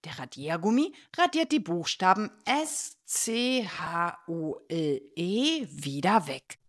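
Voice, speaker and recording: A woman reading a children's story aloud in a slow, expressive, sing-song manner. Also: on the low side.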